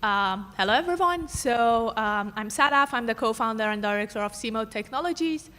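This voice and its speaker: Woman from Iran, panel guest; measured with many "uh"s; hall reverb. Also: on the high side, lively intonation, sharp tone. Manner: measured, frequent uh fillers. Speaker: panelist, startup co-founder. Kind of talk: panel self-introduction. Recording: long reverb of an event hall.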